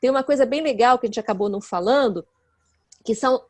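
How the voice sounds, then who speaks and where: A woman's voice: a little high, fast talker. Earnest woman explaining at length. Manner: earnest, explanatory, often adds a questioning "né?". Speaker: guest expert in nonviolent communication. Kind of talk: conversational explanation.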